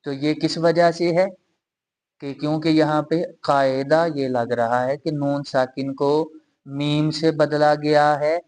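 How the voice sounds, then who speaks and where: A man's voice: a little high, fairly even intonation, takes it slowly, darkish tone. A man teaching Quran reading with tajweed, patiently explaining and repeating each sound step by step. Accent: Urdu-speaking Pakistani. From Pakistan.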